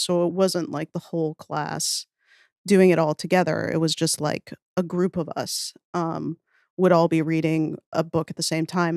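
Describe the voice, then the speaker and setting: This podcast guest is an American audio fiction writer from New Orleans, reminiscing in a casual, informal chat full of hedges and self-deprecation. Her lowish voice is a little mellow, captured in studio quality without echo.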